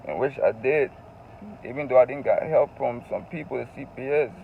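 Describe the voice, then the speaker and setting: A man's voice: mid-range voice, normal speed, creaky, narrow, tinny audio, slight background noise. A man telling a personal story in a casual, confessional vlog, earnest and emotional, often repeating phrases for emphasis. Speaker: vlogger.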